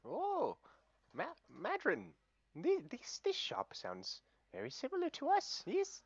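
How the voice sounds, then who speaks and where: A man's voice: very high voice, wildly swooping pitch, slow, lo-fi sound, voice pushed up, exaggerated voice. A man voicing a cheerful female hill dwarf fighter, giggling as he goes. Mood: jolly. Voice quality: giggly, put-on awful Welsh accent.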